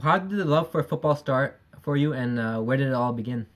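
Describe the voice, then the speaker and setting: A man's voice: mid-range voice, animated, a little fast. A man hosting a podcast, opening the show and asking the guest questions in an upbeat way. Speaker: podcast host.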